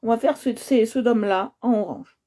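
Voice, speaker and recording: Warm, chatty woman hosting a coloring stream. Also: on the high side, moderate pace. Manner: chatty, often checks in with viewers and repeats herself. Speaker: coloring livestream host. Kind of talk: casual livestream chat while coloring.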